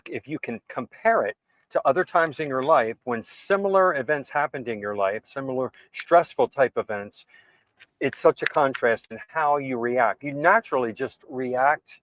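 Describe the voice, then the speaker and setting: An earnest male host in a casual chat, agreeing warmly and expanding on his guest's points. His mid-pitched voice sounds dry, with a slightly dull, lo-fi tone. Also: animated, normal speed, dry recording.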